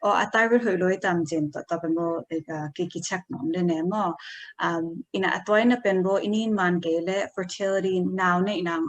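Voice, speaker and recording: Woman, lower pitch, hesitant health presenter, slow informal explainer. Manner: hesitant, slow explaining with English medical terms.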